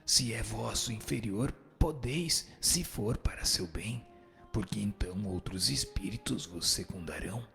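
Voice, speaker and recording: A man with a Brazilian accent plays a solemn, instructive spirit in a radio drama, answering in formal language. His voice is low, a little slow, creaky, and fairly bright in tone, with background music under it.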